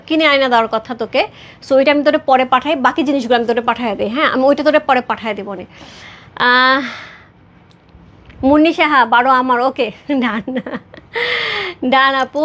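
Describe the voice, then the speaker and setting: A high-voiced woman in her thirties from Bangladesh hosts a live saree sale. She talks very fast, repeating codes and prices and chatting with viewers between items. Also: a bit bright. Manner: fast repetitive sales patter, chatting with viewers. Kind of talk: live-stream saree selling.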